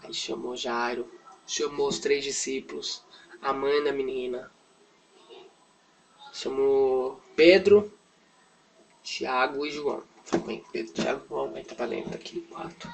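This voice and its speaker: A man's voice: mid-range voice, fairly even intonation, a little slow, gravelly, long pauses, a little hiss or hum, rough recording. A man, telling a Bible story to children in a chatty, informal way and lightly acting out the quotes. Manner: chatty, often adds "né", acts out quotes lightly. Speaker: children's Sunday school teacher. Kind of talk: casual Bible story lesson for kids.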